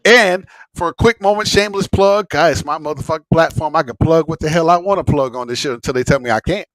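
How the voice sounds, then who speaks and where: A man's voice: on the high side, fast talker, a bit bright, dry recording. Rambling, slangy man hosting, dry close sound. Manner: rambling and repetitive, frequent swearing, slangy. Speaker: host of a live smoke-session stream. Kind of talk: casual livestream chat.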